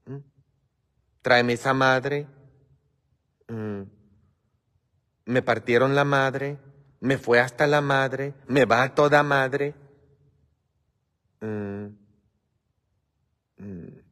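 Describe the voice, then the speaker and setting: Priest, casual live chat, unhurried rambling, echoing church sound. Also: male voice, medium pitch, a bit bright. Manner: slow, rambling, many murmured hums. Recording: long hall reverb.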